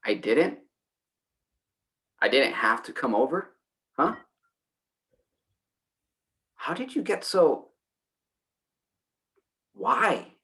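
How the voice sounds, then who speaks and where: A man's voice: mid-range voice, sing-song, extremely slow, pauses often, sharp tone, exaggerated voice. An actor playing a worried, exasperated male friend who presses with blunt questions in a stage play. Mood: pressing, worried.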